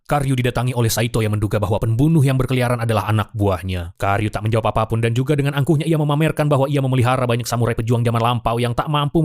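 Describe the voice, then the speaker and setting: A man's voice: medium pitch, darkish tone, no echo, clean studio sound. A man narrating a film plot as a scripted story, in a dramatic but informal storyteller's manner.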